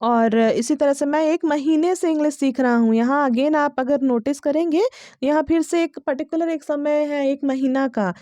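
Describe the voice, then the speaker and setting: High-voiced woman teaching English grammar. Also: normal speed, warm tone, dry recording. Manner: patient, repeats key words, asks if it is clear. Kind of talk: explaining grammar in a lesson. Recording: dull, lo-fi sound.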